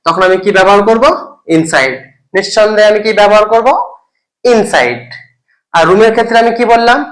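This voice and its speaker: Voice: medium pitch, low-quality recording. A teacher explaining a grammar point in a recorded lesson, asking questions and checking in with the listener. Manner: reads example English sentences slowly, word by word. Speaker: English teacher.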